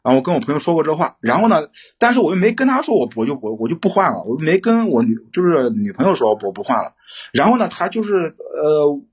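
A young man calling in for relationship advice, telling his story in a rambling, halting way with many restarts. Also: fairly high pitch, sing-song, husky, muffled recording. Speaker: caller seeking relationship advice. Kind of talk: casual phone-in storytelling.

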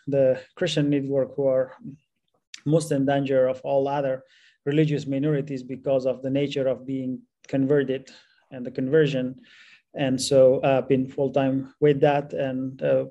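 Mellow-voiced man. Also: mid-range voice. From Afghanistan. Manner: steady, slightly halting second-language English. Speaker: guest, church network leader. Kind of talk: interview answers.

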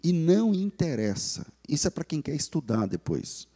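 A man with a Brazilian Portuguese accent preaching a sermon as pastor, animated and acting out the inner voices of lost people. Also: a little high, normal speed, slightly rough, long reverb tail.

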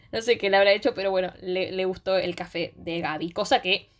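A young woman with a Rioplatense Spanish accent, recapping a series in casual chat with quick, slangy storytelling. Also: medium pitch. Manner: fast slangy storytelling, acts out characters' lines.

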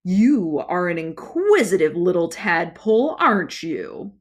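Voicing a character for an audiobook, a woman takes on a commanding, cruel, fiery male god. Very animated, she speaks slowly in a booming, gloating tone full of menace.

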